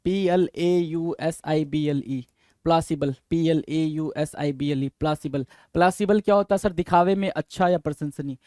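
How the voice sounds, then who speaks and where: A man's voice: on the high side, normal speed, darkish tone, no echo, clean studio sound. A man teaching English vocabulary for exam prep, casually quizzing listeners and spelling words out letter by letter. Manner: quizzes listeners with rhetorical questions; casual, calls listeners "bhai".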